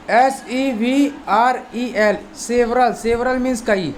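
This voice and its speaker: A patient teacher works through a vocabulary list, spelling every word aloud one letter at a time before repeating it and explaining what it means. The voice sits at a middling pitch, and a faint hiss runs underneath. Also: extremely slow. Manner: spells words out letter by letter, then repeats and translates them; patient and repetitive, often checks in with "theek hai". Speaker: English teacher. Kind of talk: language lesson explained in Hindi.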